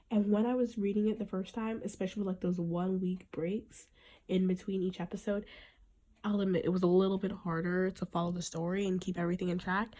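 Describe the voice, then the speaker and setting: A woman's voice: fairly low pitch, dark tone. A young woman with a cold and a nasal voice, chatting casually and rambling on her solo podcast. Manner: chatty, rambling, giggly fan talk. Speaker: podcast host.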